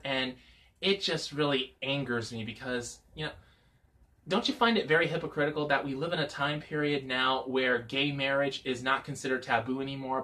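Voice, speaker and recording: This casual to-camera vlog features a man in his 20s from Michigan who wanders through his thoughts with plenty of "you know" fillers. His voice is mid-range with a fairly bright tone.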